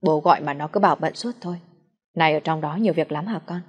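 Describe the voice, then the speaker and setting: A cheerful middle-aged father welcoming guests, read by a woman narrator. The voice is low and chatty. It is an audio storybook reading. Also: fast talker, slightly rough. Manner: friendly, chatty.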